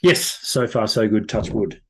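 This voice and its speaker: A man's voice: fairly low pitch, moderate pace, a bit bright. A man with an Australian accent hosting a show in casual, chatty conversation. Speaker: host. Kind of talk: casual chat on a video show.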